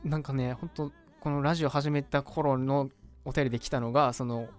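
A man's voice: mid-range voice, fairly even intonation, brisk, faint music behind. A man with a Kansai Japanese accent hosting a livestreamed radio show, chatting casually and explaining advice to listeners in a colloquial way.

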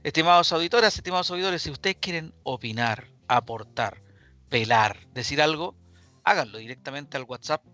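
A man with a Chilean accent hosting a live current-affairs radio show, speaking deliberately with pauses and repeated phrases. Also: on the high side, bright, forceful tone. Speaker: radio talk show host.

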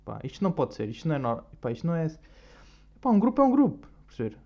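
Racing along with a fairly high, very animated voice, a young man hosts a podcast in a rambling, casual monologue full of slang. He has a European Portuguese accent, and the recording sounds dull and lo-fi.

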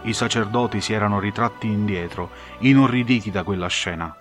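Low-voiced male audiobook narrator. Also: over music. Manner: measured, dramatic storytelling.

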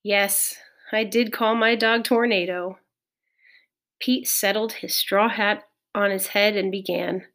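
A woman reading a children's novel aloud in a measured, clear storytelling voice. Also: mid-range voice, fairly even intonation, fairly bright tone. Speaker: audiobook reader. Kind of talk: scripted narration of a children's novel.

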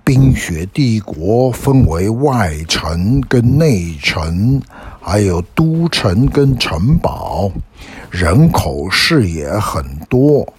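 A man voicing a polite court minister in a bedtime story, explaining the way calmly and at length. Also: fairly low pitch, very slow, slightly rough, dry recording, exaggerated voice. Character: polite middle-aged male court minister.

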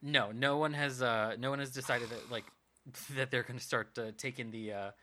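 Rambling bright-voiced male game master. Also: mid-range voice, fairly even intonation, moderate pace, slight background noise. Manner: rambling, many ums and uhs. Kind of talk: narrating a tabletop game.

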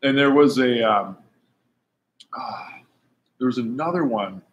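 A man hosting an online talk show, chatting casually and relaxed, with fillers and restarts. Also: mid-range voice, takes it slowly, dull audio, a little hiss or hum. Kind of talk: casual chat.

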